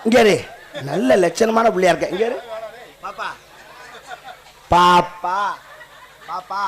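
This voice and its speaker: A man's voice: high-pitched, slow, creaky, a crowd in the background. A man doing improvised comic banter on a village drama stage, teasing and laughing, speaking into a stage mic. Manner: teasing, laughing, rhyming insults.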